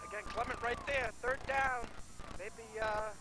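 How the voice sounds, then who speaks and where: A man giving live football analysis as a color commentator, speaking in a halting, think-aloud way. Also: very high-pitched, steady tone. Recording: noisy live outdoor game recording.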